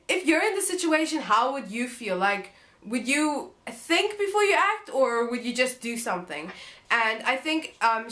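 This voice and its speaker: A woman's voice: fairly high pitch, pushed and bright. A woman with a blocked, nasal voice from a cold gives a casual book review in hesitant, loosely phrased talk. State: congested, blocked nose from a cold. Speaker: book review channel host.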